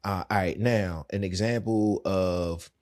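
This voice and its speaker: A man's voice: sits low, steady tone, slow pace, a little mellow. A man with a Washington DC accent, a podcast host and therapist, talking candidly and casually in a monologue. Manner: candid, conversational, colloquial.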